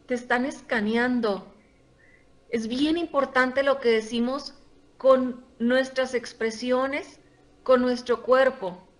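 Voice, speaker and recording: A woman presenting a workshop, speaking lively and chatty to her audience and laughing often. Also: high voice, slow pace. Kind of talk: live seminar talk to a group.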